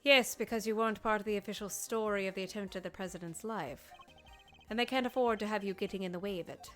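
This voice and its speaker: A woman voicing a poised, formal male prosecutor in measured, dry speech. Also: mid-range voice, faint music behind, natural voice.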